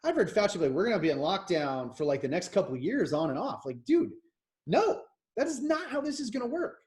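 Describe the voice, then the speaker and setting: This American podcast co-host in his thirties has a high, slightly mellow, sing-song voice and talks fairly quickly. His casual political chatter is opinionated and meandering, with frequent restarts.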